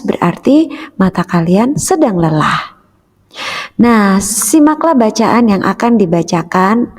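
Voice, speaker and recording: A woman teacher reads a school lesson aloud in a clear, measured way and keeps returning to "nah" between points. Her voice rings with a long reverb, as if recorded in a bare, echoey room. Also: mid-range voice, darkish tone.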